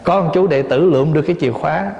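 A man, a Buddhist monk, gives a dharma talk, teaching through stories, rhetorical questions and gentle jokes. His voice sits a little high for a man. The recording is dull and lo-fi, with the long reverb of a large hall. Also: very fast, vocal fry. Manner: plain storytelling with rhetorical questions and light humor. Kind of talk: dharma talk to lay audience. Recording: echoey hall, dull lo-fi sound.

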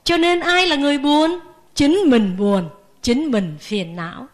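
Woman, Buddhist nun, high voice, lively sermon. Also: a little slow. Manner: lively, asks the audience questions.

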